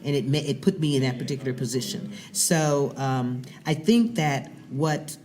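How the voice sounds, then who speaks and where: A middle-aged businesswoman appears as a guest in a relaxed interview, speaking at a moderate pace in an extremely low pitch. She's animated and tends to repeat words as she launches into each thought.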